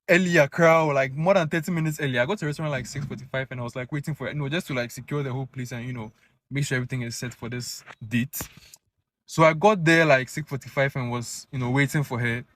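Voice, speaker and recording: A young Ghanaian man with a Ghanaian accent, telling a story to his viewers in an animated, casual way full of fillers. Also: a little high. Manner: animated, many fillers, addresses viewers as guys. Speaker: vlogger.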